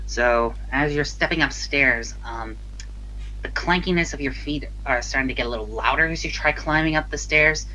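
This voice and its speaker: Bright-voiced man running a tabletop game. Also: mid-range voice, rough recording. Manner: halting, giggly. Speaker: game master. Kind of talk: casual tabletop game narration.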